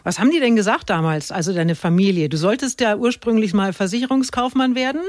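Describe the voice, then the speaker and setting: A woman hosting a conversational radio interview, putting lively, direct questions to a guest. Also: mid-range voice, fast talker, no room sound. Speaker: radio talk show host.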